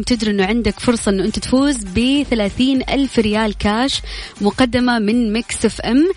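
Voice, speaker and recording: A woman with a Hijazi Saudi accent, presenting a live radio quiz in a chatty, informal way, talking straight to her listeners. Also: a little high. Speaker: radio quiz show host. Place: radio studio. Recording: music running behind the voice. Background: music.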